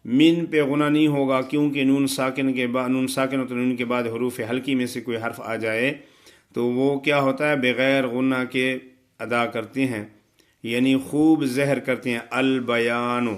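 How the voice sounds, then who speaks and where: A man teaching a recitation lesson, chanting verses slowly and melodically, then explaining the rules in quick, matter-of-fact speech. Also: medium pitch. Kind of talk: tajweed lesson.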